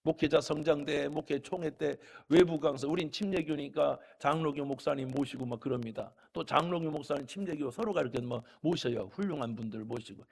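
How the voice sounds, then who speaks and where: A middle-aged pastor preaching a sermon, telling homely stories between loud calls to his congregation. His voice is husky and gravelly, pitched a little high. He drops into quiet, chatty asides before climbing back to ringing exhortation. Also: a little fast, few pauses. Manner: folksy storytelling, swinging from loud exhortation to soft asides. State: a little unwell.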